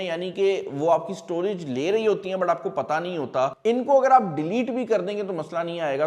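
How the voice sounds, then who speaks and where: Male tech host, chatty and direct, slightly high voice, hall echo. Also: darkish tone. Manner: chatty, addresses viewers directly, explains with everyday examples. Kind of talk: casual explainer talk. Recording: long hall reverb.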